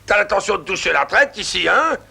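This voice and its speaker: A man dubbing a fretful prisoner into French, excitable and complaining, swearing often, with film music underneath. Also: high-pitched, quick pace, vocal fry, slightly rough, full character voice. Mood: angry. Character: loud, fretful man jailed, protesting innocence.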